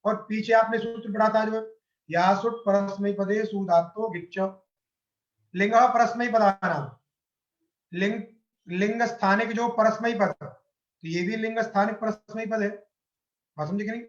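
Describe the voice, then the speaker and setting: High-voiced man teaching grammar, roomy sound. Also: fairly even intonation, a little slow, pauses often, lo-fi sound. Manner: explains step by step, asks the class questions and answers himself. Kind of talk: classroom grammar lecture.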